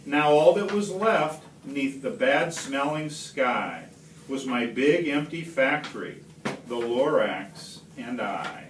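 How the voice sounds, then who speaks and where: A man reading a rhyming picture book aloud expressively, slowly and deliberately, with dramatic pauses. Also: mid-range voice, lively intonation, fairly bright tone. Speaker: read-aloud storyteller. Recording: roomy, distant phone capture, faint noise.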